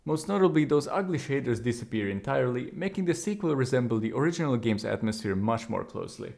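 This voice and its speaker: Male narrator, scripted game review, gravelly texture, dry opinionated delivery. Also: mid-range voice, lively intonation, fast, a little mellow. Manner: opinionated, wry asides.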